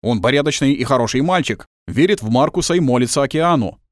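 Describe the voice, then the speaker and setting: A man's voice: mid-range voice, expressive, quick pace, no room sound, studio quality, pitched above the performer's own voice, close to an everyday voice. A man voicing a smug neighbor who dismissively defends his son. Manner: dismissive, smirking. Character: smug, defensive middle-aged male neighbor.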